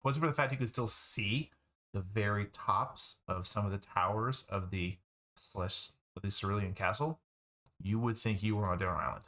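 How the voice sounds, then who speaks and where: A man narrating a tabletop game as game master, describing scenes in a relaxed, drawn-out way. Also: lowish voice.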